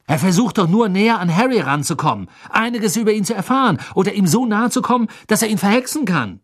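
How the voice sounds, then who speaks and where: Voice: medium pitch, very animated, moderate pace, husky, voice pushed up. Ron, a sneering jealous schoolboy. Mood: jealous taunting. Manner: mocking, heated. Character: teenage boy wizard, jealous and sneering. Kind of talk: audiobook character voice.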